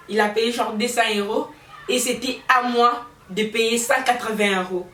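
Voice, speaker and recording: A woman's voice: a little high, a bit bright, roomy sound, recorded from a distance. A young woman with a Congolese French accent, telling a personal story to her viewers in a chatty, laughing way. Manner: chatty, addresses viewers directly, laughs often. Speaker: vlogger. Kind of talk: storytime chat to camera.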